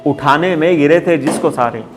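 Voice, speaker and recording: A man with a voice on the high side recites a ghazal at moderate speed over an accompanying instrument. Performing at a Mumbai open mic, he declaims and repeats every couplet, pushing the emphasis higher each time.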